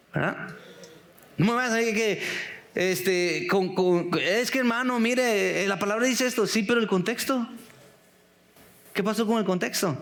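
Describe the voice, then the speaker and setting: A man's voice: high voice, fairly bright tone. A man preaches in a loose, conversational way. He keeps calling his listeners brothers and sisters and throws questions at them. Now and then he slips in English slang. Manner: asks the listeners many questions. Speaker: pastor. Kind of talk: conversational sermon.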